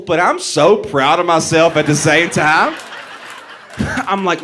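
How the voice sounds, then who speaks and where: A man's voice: mid-range voice, a bit bright, a little hiss or hum. A young man, a stand-up comedian telling a rambling, self-mocking story on stage and laughing through his lines. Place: comedy club stage before a live audience.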